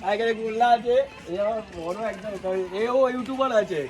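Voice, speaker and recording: Man vlogger, high voice, eager and chatty, filming outdoors on a handheld phone. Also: a little fast. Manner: excited, repeatedly urging viewers to look. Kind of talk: casual vlog narration. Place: outdoors at a family Holi celebration.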